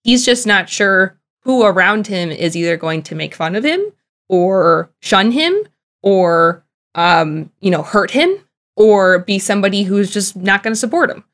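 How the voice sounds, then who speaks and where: A woman's voice: medium pitch, animated, a little slow, a bit bright. Thoughtful woman analyzing on a podcast. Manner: thoughtful, analytical, many fillers and restarts. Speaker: podcast co-host. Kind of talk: casual podcast discussion.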